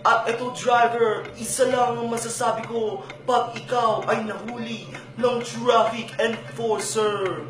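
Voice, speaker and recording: A performer voicing a loud, excited game-show-style announcer. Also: mid-range voice, unhurried, few pauses, reverberant, distant mic, faint music behind, lightly acted. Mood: hyped.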